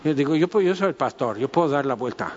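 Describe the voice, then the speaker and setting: A man's voice: medium pitch, lively intonation, quick pace, a little mellow, lo-fi sound, slight background noise. A man with a Mexican Spanish accent preaching a humorous sermon as pastor, joking and acting out little scenes.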